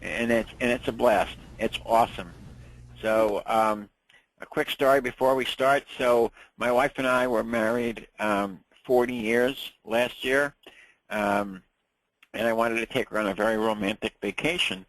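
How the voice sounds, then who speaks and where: A man's voice: mid-range voice, a little slow, fairly bright tone, rough recording. A man in his sixties with a New York accent, teaching a ham radio licensing class in a chatty, storytelling way. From Long Island, New York. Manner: chatty, anecdotal, repeats words when restarting. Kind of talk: casual classroom lecture.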